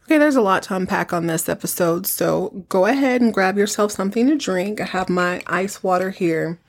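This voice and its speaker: A woman's voice: medium pitch, moderate pace. A woman hosts a recap show in a mid-range voice. Her delivery is informal and conversational, like storytelling among friends. She often breaks off for asides and puts rhetorical questions to the listener. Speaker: podcast host. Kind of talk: casual chatty episode recap.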